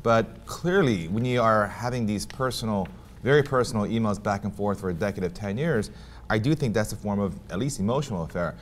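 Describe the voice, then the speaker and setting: A man's voice: fairly low pitch, animated, fairly quick, a little hiss or hum. A man co-hosting a talk show, arguing his opinion emphatically and repeating his points. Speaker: co-host.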